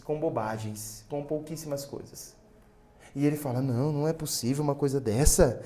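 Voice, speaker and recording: A man preaching as a pastor in a church, animated and conversational, mixing scripture reading with humor. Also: high-pitched. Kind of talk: sermon. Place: church sanctuary.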